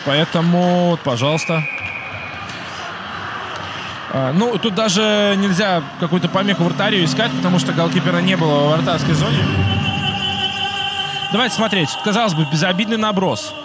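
A man's voice: high voice, brisk, over loud music. A man doing live play-by-play commentary on an ice hockey game.

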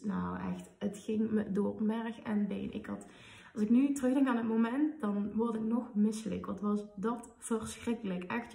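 A woman in her thirties, a podcast host, telling a personal story in an emotional, animated way. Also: medium pitch, gravelly. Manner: emotional, animated retelling with quoted dialogue. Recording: roomy, slightly distant mic.

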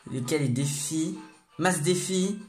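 An excitable gamer talks casually through new game content at a middling pitch, reading the menus aloud and cheering at each new item. Faint game music plays underneath. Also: takes it slowly. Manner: excitable, reads menu text aloud. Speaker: gaming video host. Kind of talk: casual gameplay commentary.

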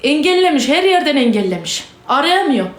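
A woman with a very high, piercing voice pours out a distraught, agitated rant for her vlog, repeating herself and calling out to God. The room around her is echoey and hollow. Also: sing-song, a little fast. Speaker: vlogger.

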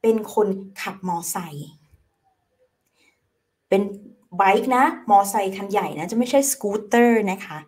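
A woman teacher leads a live-streamed pronunciation lesson. She talks straight to her students in a chatty, coaxing way. She breaks each word into slow syllables, then repeats it at normal speed. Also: mid-range voice, animated, mellow. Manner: drills words slowly syllable by syllable, then repeats them at speed.

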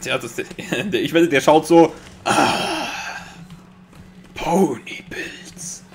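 Excitable Bavarian gaming commentator, man. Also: a little high, unhurried, gravelly, a little hiss or hum. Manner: excitable, swears often, makes sound-effect noises. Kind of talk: Let's Play commentary.

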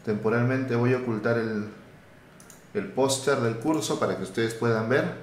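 A man teaching a live coding lesson, talking lively and thinking aloud while he types. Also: mid-range voice, moderate pace, slight background noise. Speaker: web development instructor. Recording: roomy echo.

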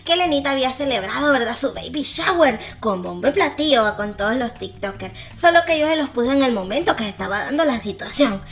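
A woman's voice: sits high, animated, fairly quick, few pauses. A woman with a Salvadoran accent hosting a gossip channel, chatting casually and laughing often. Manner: chatty, laughs often, keeps tagging "¿verdad?".

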